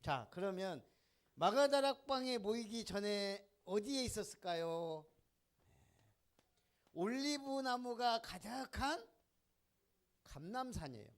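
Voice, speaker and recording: A man preaching a sermon as pastor, asking the congregation questions and answering them himself. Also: high-pitched.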